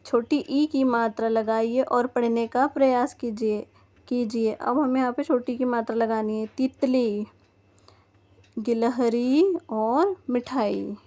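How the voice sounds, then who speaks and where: A woman's voice: fairly high pitch, a little mellow. A woman teaching a first-grade textbook lesson to young children, patiently sounding out words letter by letter. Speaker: primary school teacher. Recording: dull lo-fi recording.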